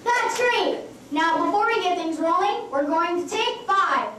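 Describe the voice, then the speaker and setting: A woman's voice: very high-pitched, lively intonation, a little slow, sharp tone, heavy reverb, distant mic, slight background noise, full character voice. A woman playing a fussy male dwarf acting as master of ceremonies. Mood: formal. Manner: announcing, formal.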